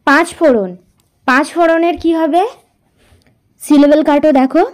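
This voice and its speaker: A woman teaching a grammar lesson to school students, patiently asking questions and answering them herself, and drawing out words as she writes. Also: high-pitched. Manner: slow, patient, asks and answers her own questions.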